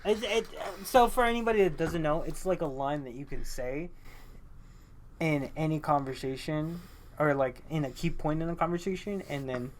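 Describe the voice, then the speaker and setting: A man's voice: fairly high pitch, moderate pace, a little hiss or hum. A man in his thirties co-hosting a podcast, chatting casually, joking, swearing and laughing often. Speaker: podcast co-host. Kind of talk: casual chat.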